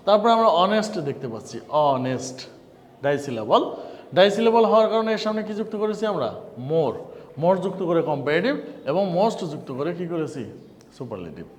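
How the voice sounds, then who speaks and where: A man's voice: a little high, big pitch swings, normal speed, long reverb tail. A man with a Bangladeshi accent giving a grammar lesson, asking the class questions and answering them himself. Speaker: English teacher.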